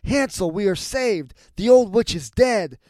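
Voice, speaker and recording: A man's voice: high-pitched, animated, normal speed, warm tone, no echo, clean studio sound, pitched above the performer's own voice. A man voicing an innocent, earnest child in a storybook fairy tale, speaking in exclamations. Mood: overjoyed. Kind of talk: storybook character voice.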